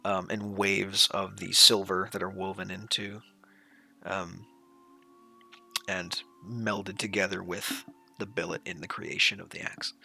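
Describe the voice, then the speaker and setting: A man with a low, creaky voice runs a tabletop game as game master. He narrates casually and haltingly, with some swearing, in a bright, forward tone. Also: little pitch movement, faint music behind.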